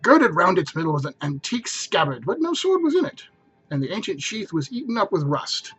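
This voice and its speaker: High-voiced man narrating dramatically, slightly husky. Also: huge pitch swings, fairly quick, fairly bright tone, low-quality recording. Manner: theatrical, emphatic phrasing. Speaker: narrator reading aloud.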